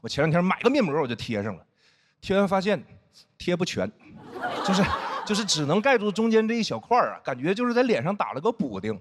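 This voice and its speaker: A man doing stand-up on a stage, with a twang. His voice sits high and swings widely as he acts out his friends. Audience laughter and crowd noise are clearly heard behind him. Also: quick pace. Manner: animated storytelling, acting out friends' teasing. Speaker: stand-up comedian and head writer. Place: stage before a live audience.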